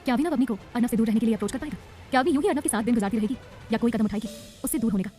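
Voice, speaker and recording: A woman narrating a romance audiobook in a rapid, dramatic storytelling style. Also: on the high side, warm tone, soft background music.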